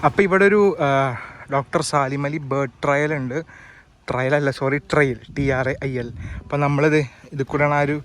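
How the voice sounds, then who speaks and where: Fast-talking man on a walking-tour vlog. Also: fairly high pitch, fairly even intonation. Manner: chatty, explains sights as he walks. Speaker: travel vlogger. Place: outdoors at a nature sanctuary. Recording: voice over loud background music.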